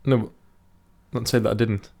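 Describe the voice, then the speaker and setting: A man's voice: fairly low pitch, level tone, a little slow, gravelly, darkish tone. A man co-hosting a casual podcast chat, wry and persistent with his odd questions. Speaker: podcast co-host.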